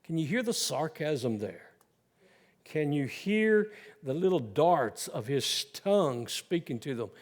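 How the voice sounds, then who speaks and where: A man's voice: a little high, darkish tone. A man preaching a sermon as pastor of a church, voicing scripture with sarcastic asides.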